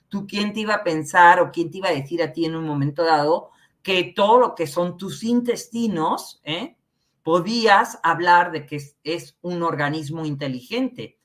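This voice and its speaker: A woman giving a spiritual talk, slow and emphatic, often checking in with a tag question. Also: lowish voice. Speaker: spiritual teacher. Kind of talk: spiritual talk to an online audience.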